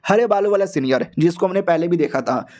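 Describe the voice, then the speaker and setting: A man's voice: sits high, expressive, fast talker, darkish tone. A man narrating a comic manhwa recap in a slangy, joking way, briefly acting out the figures' lines himself.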